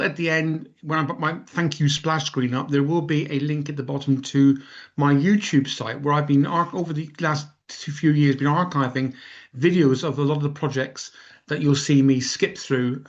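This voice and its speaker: A man's voice: on the high side, lo-fi sound. An older man from Plymouth with a West Country accent gives an informal online presentation in a chatty, rambling, self-deprecating way. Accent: West Country English. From Plymouth, southwest England. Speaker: guest lecturer, professor.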